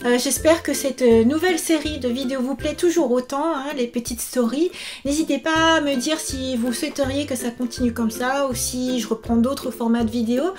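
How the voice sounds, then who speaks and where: A woman in her thirties chatting casually to camera in a vlog, animated and full of fillers. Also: sits high, normal speed, faint music behind. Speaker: YouTuber and author.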